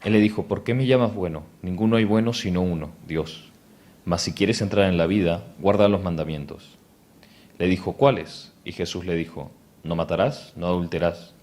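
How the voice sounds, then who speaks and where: A man reads a Bible passage aloud with a very deep, low voice. His delivery is slow and measured. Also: a little mellow. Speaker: scripture reader. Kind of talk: Bible reading.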